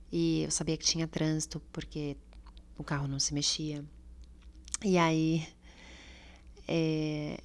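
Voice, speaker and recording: A woman tells a personal story on her podcast, frank and unfiltered, swearing freely. Her voice sits low and has a gravelly fry. She acts out her past self's panic with vivid expression. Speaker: podcast host.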